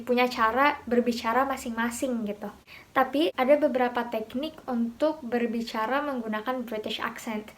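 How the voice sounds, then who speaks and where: A woman from Indonesia explaining pronunciation in a relaxed, chatty vlog, thinking aloud as she goes. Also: a little high. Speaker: vlogger teaching pronunciation.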